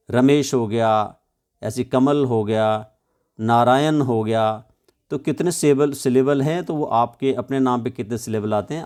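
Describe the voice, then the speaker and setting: In a medium-pitched, slightly mellow voice, a man teaches children English through Hindi. He spells words out letter by letter, patiently explains each one, and often asks questions to check understanding.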